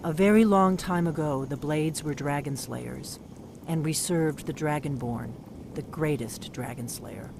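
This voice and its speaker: Playing a secretive, middle-aged veteran of an ancient guard order in a video game, a woman speaks a little slowly with vocal fry. Her delivery is blunt, conspiratorial, low, and intense, and game music plays in a noisy background.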